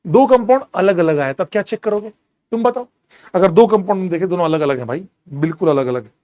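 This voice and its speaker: A man's voice: sits high, lively intonation, fast, darkish tone. A man lecturing a chemistry class, repeating questions and quizzing his students, mixing terms into his speech. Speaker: chemistry teacher.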